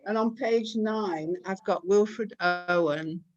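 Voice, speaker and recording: Slow, thoughtful woman. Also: mid-range voice, darkish tone, dull audio. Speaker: workshop participant. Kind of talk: personal storytelling. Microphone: video call.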